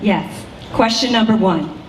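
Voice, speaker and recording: A woman co-hosting a public event, speaking in an emphatic, deliberate announcing style. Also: medium pitch. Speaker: event co-host. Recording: roomy PA sound, distant, faint noise.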